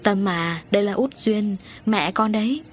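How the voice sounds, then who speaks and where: A woman's voice: mid-range voice, unhurried, a little hiss or hum, close to an everyday voice. Woman reading a kindly old foster father. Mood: gentle.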